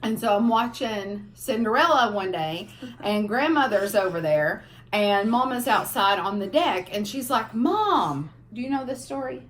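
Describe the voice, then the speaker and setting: A young woman, casually telling family stories on a vlog, animated as the stories build. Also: mid-range voice, moderate pace. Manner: animated storyteller, laughing through funny parts. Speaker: family vlogger. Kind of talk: casual storytelling.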